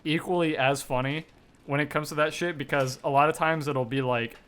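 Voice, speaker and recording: A young man with a bright, forceful tone and a slightly higher pitch chats casually as a podcast co-host. He swears freely and slips into voices for the people in his stories. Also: fairly quick, clear, resonant tone. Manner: profane, animated, acts out quoted people mid-story. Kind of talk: casual chat.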